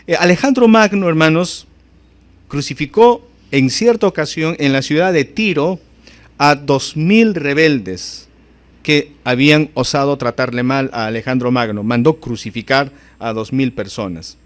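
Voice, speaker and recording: A man's voice: medium pitch, unhurried. A man preaching a sermon as pastor, emphatic and often calling out to his listeners as brothers and sisters, his voice rising sharply on key phrases.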